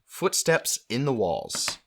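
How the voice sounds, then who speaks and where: A man's voice: mid-range voice, wildly swooping pitch, takes it slowly, vocal fry, a little hiss or hum. A man hosting a book launch event, making upbeat announcements. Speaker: host.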